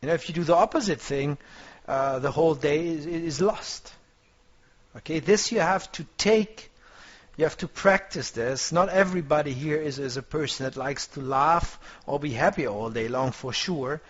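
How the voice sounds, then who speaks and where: At a moderate pace and in a slightly high voice, a trading teacher gives an online course lecture, coaching students motivationally and often pausing to find words. The audio sounds dull, compressed and lo-fi.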